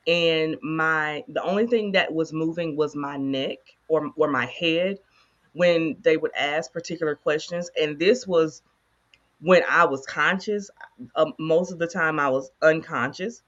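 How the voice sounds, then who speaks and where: A woman co-host in casual conversation, candidly telling a personal story with animated asides. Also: sits low, unhurried, lo-fi sound. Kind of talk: casual chat.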